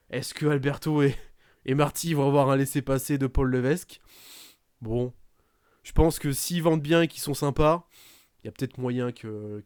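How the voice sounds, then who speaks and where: A man hosting a casual podcast, talking with a sarcastic, animated edge and plenty of fillers. His voice sits at a middle pitch. The sound is dry and close, with no room around it. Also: clear, resonant tone, no echo. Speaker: podcast host. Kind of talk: casual wrestling podcast chat.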